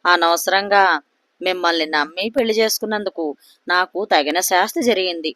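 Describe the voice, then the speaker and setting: A woman reading the part of a sharp-tongued, jealous wife who scolds her husband, in a spoken family story. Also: lowish voice, moderate pace, no echo, close to an everyday voice. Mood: wailing. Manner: scolding, snappish.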